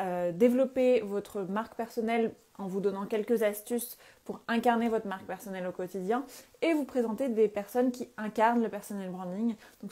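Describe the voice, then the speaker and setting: A woman's voice: mid-range voice, mellow. A woman hosting and moderating a live interview, eager, with frequent fillers in her introductions. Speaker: host and moderator.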